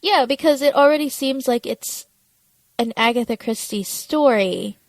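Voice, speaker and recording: A podcast co-host recaps television in a casual, informal chat. Her voice is high and her pace measured, with no echo in the recording.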